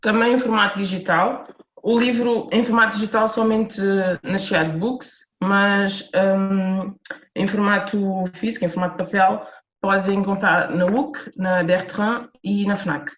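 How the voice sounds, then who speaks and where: A woman's voice: mid-range voice, fairly even intonation, measured pace. A woman with a Lisbon Portuguese accent talks earnestly and reflectively as a podcast interview guest. She often circles back and restarts her thoughts. Her voice sits in a roomy space and comes through a dull, lo-fi recording.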